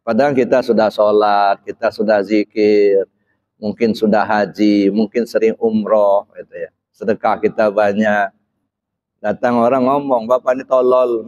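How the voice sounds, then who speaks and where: An Islamic preacher with a medium-pitched, darkish voice leads an interactive religious talk, firing questions at the audience and pushing them to respond. He drops quick "ya" checks between his phrases. The recording sounds a bit dull and muffled.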